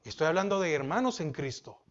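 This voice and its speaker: A man preaching a sermon as pastor, asking the congregation questions and dropping from loud emphasis to soft. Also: a little high, sing-song, fairly quick, lo-fi sound.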